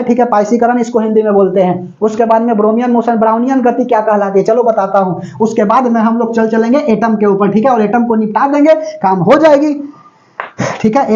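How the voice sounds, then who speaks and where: A man's voice: very high-pitched, darkish tone, lo-fi sound. A man lecturing on chemistry, quizzing students with constant questions and joking everyday examples. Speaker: chemistry teacher. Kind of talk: classroom lecture.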